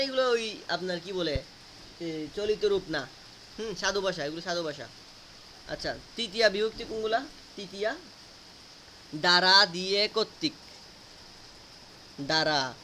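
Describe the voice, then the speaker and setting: A man's voice: high-pitched, moderate pace, bright, forceful tone, slight background noise. A man teaching a grammar lesson, asking students questions and repeating answers to drill them.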